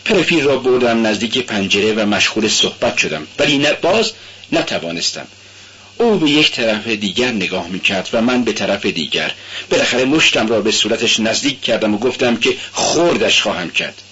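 A man reading aloud and voicing an excitable, loyal young male friend with an animated, eager, pitched-up delivery. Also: slightly rough, highs cut off, heavily acted.

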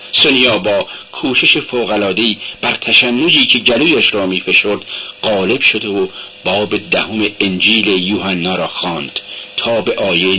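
A man narrating a classic novel in a steady, measured audiobook reading. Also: lowish voice. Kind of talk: scripted literary narration. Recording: dull lo-fi recording with faint hum.

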